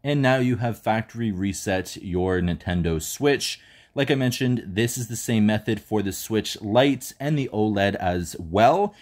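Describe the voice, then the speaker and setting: A man hosting a casual tech tutorial, calmly walking viewers through each step while filming indoors on a handheld phone. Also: on the low side, a little slow. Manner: relaxed step-by-step instructions. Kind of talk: casual how-to walkthrough. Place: indoors, filming over a bed.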